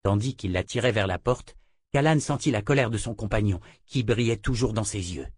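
A man narrating a fantasy novel in a steady, measured storytelling voice. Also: lowish voice, slightly rough, dry recording. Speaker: audiobook narrator. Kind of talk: scripted narration. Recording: dry close mic.

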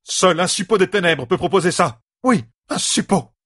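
A man reading an audiobook, voicing a nervous, enraged woman who shouts her objections. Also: high-pitched, lively intonation, moderate pace, husky, voice pushed up, exaggerated voice. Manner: shouting, agitated.

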